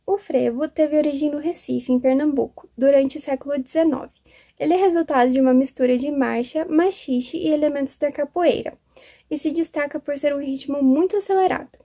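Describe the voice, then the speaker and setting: A young woman with a high, soft-toned voice reads a prepared school text aloud. Her delivery is steady and even, with a mellow, unforced tone. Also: a little fast. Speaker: student presenter.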